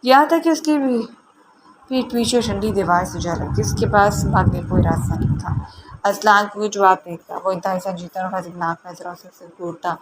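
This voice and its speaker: A woman reading a romance novel aloud in steady, scripted narration. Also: medium pitch, background noise.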